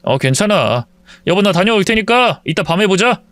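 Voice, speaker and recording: A man voicing a defensive young husband who answers his wife with low, grumbling retorts. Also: expressive, moderate pace, a bit bright, no room sound. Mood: brushing off.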